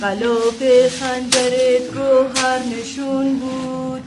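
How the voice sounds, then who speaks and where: A woman's voice: sits high, little pitch movement, heavy background noise, natural voice. An actress playing a defiant village woman in a drama, given to chanting laments. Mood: mournful chanting. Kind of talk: chanted verse and drama dialogue.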